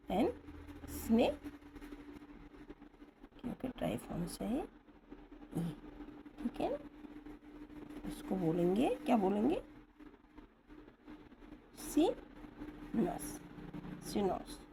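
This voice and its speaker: A woman's voice: medium pitch, wildly swooping pitch, slow, vocal fry, pauses often, noisy background. A woman teaching stenography in a patient classroom manner, spelling words out letter by letter and checking that students follow. She speaks English words with an Indian accent. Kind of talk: classroom lesson explanation. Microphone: camera or phone held at a distance.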